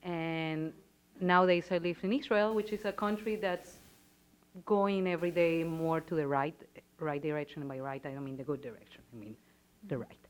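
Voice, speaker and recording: A woman's voice: deep voice, fairly even intonation, normal speed. A woman from Venezuela in the audience, earnestly building up a long question to the panel step by step. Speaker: audience member asking a question.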